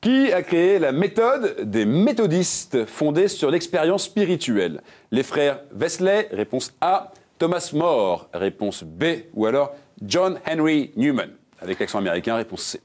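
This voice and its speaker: A man's voice: on the high side, very animated, darkish tone. A man hosting a religious quiz game show, reading questions and answer options with playful puns. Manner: playful, jokey, reads options briskly.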